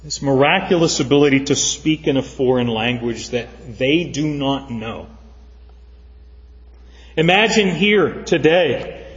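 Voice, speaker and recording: Man, pastor, sermon, slightly high voice, long church echo, dull recording. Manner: earnest, measured preaching with fillers.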